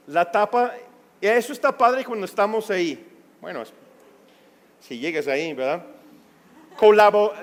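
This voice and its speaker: Man, pastor, conversational sermon, high pitch, long church reverb. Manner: conversational, constantly checks in with listeners. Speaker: pastor teaching a Bible study.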